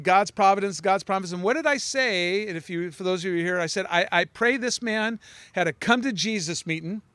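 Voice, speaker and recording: A man's voice: high voice, fairly bright tone, no echo. A man preaching a sermon in a rambling, emphatic way, with many restarts and fillers. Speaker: pastor.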